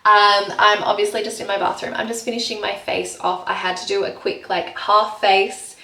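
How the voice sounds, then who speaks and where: A woman's voice: mid-range voice, little pitch movement, normal speed, vocal fry, pushed and bright, recorded from a distance. A woman, chatting casually to camera in her bathroom, full of ums and likes. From Australia. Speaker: vlogger. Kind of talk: casual vlog chat. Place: home bathroom. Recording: echoey room, voice from off-mic.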